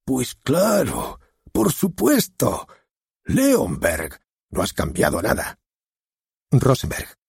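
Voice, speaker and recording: A man voicing a loud, rude, eccentric theater director who barks and insults, with a nasal voice. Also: medium pitch, wildly swooping pitch, takes it slowly, creaky, pauses often, slightly rough, dry recording, clean studio sound, voice pushed up, heavily acted. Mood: brusque.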